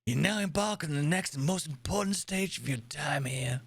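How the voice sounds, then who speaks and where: Man doing a gruff old admiral, Admiral McCoy. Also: fairly high pitch, animated, normal speed, no room sound, exaggerated voice. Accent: American put-on. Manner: gruff, cursing, cantankerous. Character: grumpy old male starship admiral, doctor.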